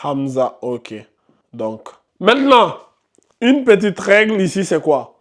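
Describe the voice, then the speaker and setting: Brief: high-pitched male teacher in a classroom, quizzes students, repeats terms. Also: very animated, measured pace. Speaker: Quran recitation teacher. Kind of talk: live classroom tajwid lesson.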